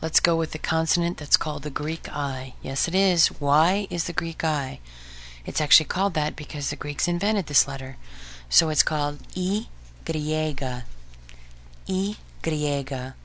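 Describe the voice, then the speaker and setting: A woman hosting a podcast lesson on Spanish pronunciation, modeling each sound slowly and clearly for listeners to repeat. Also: low-pitched, pushed and bright. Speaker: Spanish teacher.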